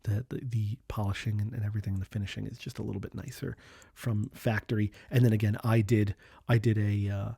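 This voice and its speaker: A man's voice: fairly low pitch, level tone, fairly quick, vocal fry, dark tone, husky, no room sound. A man hosting his own channel, giving an enthusiastic, casual review of small pens, often repeating words as he talks.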